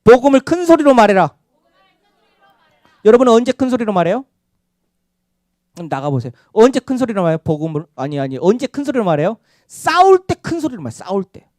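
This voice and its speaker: A man's voice: high voice, fast talker, dry recording, studio quality. A male pastor preaching a Sunday sermon, calling for amens and having the congregation repeat after him. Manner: animated preaching with call-and-response amens. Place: church sanctuary.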